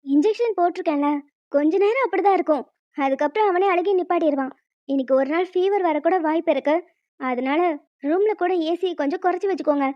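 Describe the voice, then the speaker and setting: A woman voicing a brisk, matter-of-fact young doctor in a cartoon, a little teasing. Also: extremely high pitch, dry recording, highs cut off. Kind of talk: cartoon voice acting.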